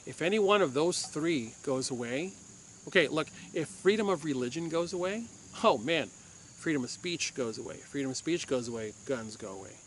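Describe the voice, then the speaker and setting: This former police officer from Puerto Rico, host of a firearms channel, presses his opinions on camera and restates his points for force. He talks at a normal speed in a higher voice with lively intonation, and there's slight background noise.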